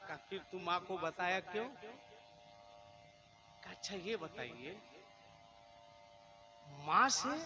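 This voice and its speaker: A man preaching a religious sermon, telling a story in a soft voice and then loudly scolding his listeners. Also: high-pitched. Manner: shifts from soft storytelling to loud scolding of the audience. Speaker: Islamic preacher.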